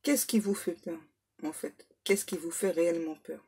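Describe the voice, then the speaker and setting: A woman giving a spoken card reading as a medium, repeating herself with many fillers and clearing her throat often. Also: lowish voice, normal speed, a little mellow. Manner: repetitive, filler-heavy, insistent. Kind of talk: spoken tarot guidance to viewers.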